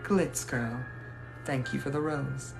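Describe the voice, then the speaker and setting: Over music, a man with a medium-pitched, gravelly voice speaks slowly and steadily as the ghost of a young lady from the 1880s. He improvises a live roleplay answering viewers, in a formal, old-fashioned and gracious manner.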